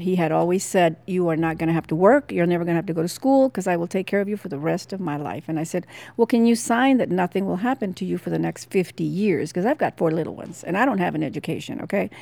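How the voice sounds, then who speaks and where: Woman, 60s, low gravelly voice, lively personal storyteller. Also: no echo. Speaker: interviewee.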